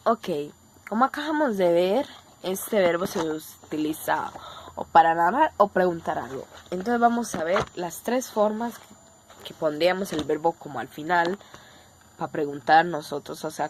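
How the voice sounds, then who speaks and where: A woman with a Colombian Spanish accent gives a relaxed online language lesson in a slightly low voice. She explains each point step by step and keeps checking that her viewers are following along. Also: normal speed, slight background noise. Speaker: Korean language teacher.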